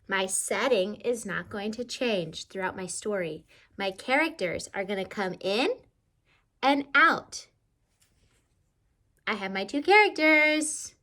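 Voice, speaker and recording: Indoors at home, a woman teacher walks children through a casual how-to lesson, keeping her explanations simple and often checking in with questions. Her voice is on the high side, with a sharp tone.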